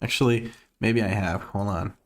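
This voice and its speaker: Brief: American-accented male streamer, slightly low voice, loose and talkative, frequent laughs and casual swearing. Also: fairly even intonation, normal speed. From Croatia. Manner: chatty, laughs often, swears casually, reads chat aloud. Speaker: gaming streamer. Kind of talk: casual live-stream chat while gaming.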